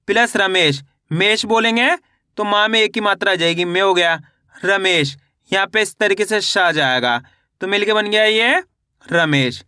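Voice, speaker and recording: A man teaching reading, slowly sounding out syllables and repeating each word in a question-and-answer drill. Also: sits high, bright, forceful tone, smooth, dry recording, clean studio sound. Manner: addresses viewers as friends. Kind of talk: step-by-step spelling lesson.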